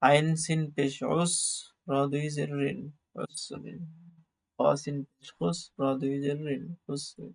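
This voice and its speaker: A man teaching Quran reading in an online class, slowly spelling out Arabic letters and vowel marks in Bengali with a Bangladeshi accent. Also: fairly high pitch, little pitch movement, vocal fry. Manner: slow, drawn-out recitation of letters and vowel marks.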